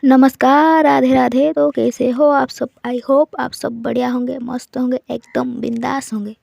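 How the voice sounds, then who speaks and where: A woman's voice: high-pitched, steady tone, measured pace, vocal fry, a little mellow, dry recording. A woman narrating a romance story in a casual, chatty way and talking directly to her listeners as the channel's host.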